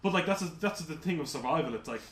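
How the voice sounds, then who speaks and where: Rambling animated man in a roomy space. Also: fairly high pitch, quick pace. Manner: rambling, animated storyteller, full of "like"s. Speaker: podcast co-host. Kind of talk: casual gaming chat. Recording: roomy with faint hiss.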